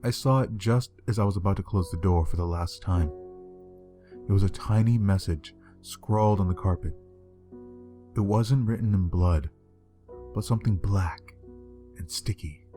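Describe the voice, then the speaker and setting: A man reading a horror story aloud in a measured, grim way. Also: deep voice, warm tone. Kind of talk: scripted horror narration.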